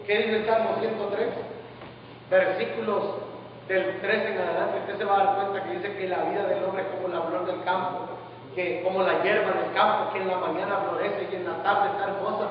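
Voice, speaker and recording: A man's voice: high-pitched, little pitch movement, moderate pace, slight background noise. A male preacher giving an emphatic Bible class sermon, often asking the congregation questions. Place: church hall. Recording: distant, echoey church hall, lo-fi.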